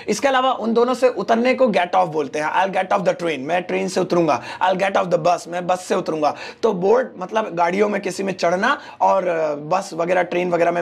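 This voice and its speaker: A man with an Indian accent teaches English online, working through viewer questions one by one. His voice sits high and carries a strong gravelly fry, and he explains patiently, moving between Hindi and English examples.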